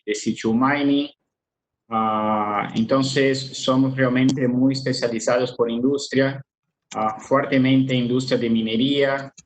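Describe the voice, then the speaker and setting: A middle-aged Brazilian man with a Brazilian Portuguese accent gives an online business presentation as a webinar speaker, using many "ah" fillers and repeating words. His voice is medium-pitched, and the rough recording carries slight background noise.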